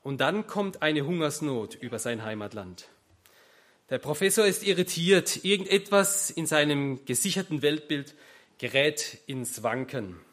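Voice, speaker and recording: A man's voice: on the high side, animated, measured pace, a bit bright. A man preaching a sermon, telling stories in an emphatic, wry manner.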